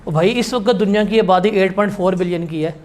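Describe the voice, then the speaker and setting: High-voiced blunt male teacher. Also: steady tone, quick pace, darkish tone. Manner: blunt, scolding, emphatic. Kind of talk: classroom lecture. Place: classroom.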